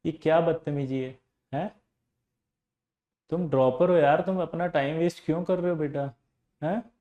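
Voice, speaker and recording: A male chemistry tutor, lecturing his class in a high, animated voice. He teases and scolds students between explanations. He drives points home with repeated, everyday examples. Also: moderate pace, muffled recording. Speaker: chemistry coaching teacher.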